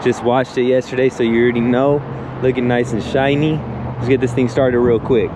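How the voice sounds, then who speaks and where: A man's voice: mid-range voice, flat delivery, brisk. A young man chatting casually to his viewers in a slangy, laid-back way, from his car and outdoors at a ballfield. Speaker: car vlogger. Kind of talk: casual vlog chat. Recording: loud road and outdoor noise.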